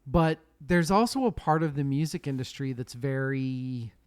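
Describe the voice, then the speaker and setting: A man's voice: medium pitch, moderate pace, smooth. A man hosting a casual podcast, chatty and swearing, often restarting his sentences. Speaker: podcast host.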